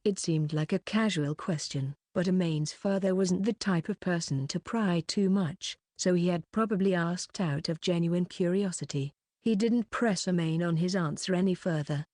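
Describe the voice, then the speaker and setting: A woman reading a light novel aloud in an even, unhurried storytelling manner, close to the mic. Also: fairly low pitch, no room sound. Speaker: audiobook reader.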